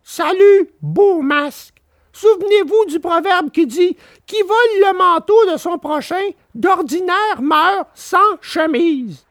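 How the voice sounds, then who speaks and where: Woman voicing earnest puppet boy, very high and bright, storybook, dry sound. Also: expressive, slow, no echo, exaggerated voice. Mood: scolding. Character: young wooden puppet boy, earnest and polite. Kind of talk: storybook reading.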